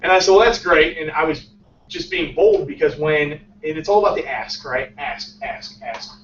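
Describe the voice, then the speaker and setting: Indoors in a small, packed meeting room, a man in his late twenties gives a casual storytelling talk about his startup at a moderate pace. He's animated, acting out dialogue and laughing a lot, and his voice sits high for a man. Captured by a far camera without a visible mic, the audio sounds roomy and a bit dull, with faint room hum.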